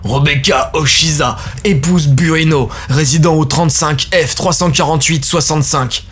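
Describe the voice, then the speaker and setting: A man's voice: a little high, steady tone, moderate pace, a bit bright, husky, faint music behind, pitched above the performer's own voice. A man doing a cold armored enforcer. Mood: cold official. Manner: cold, bureaucratic recitation. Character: stern armored male enforcer, cold and official.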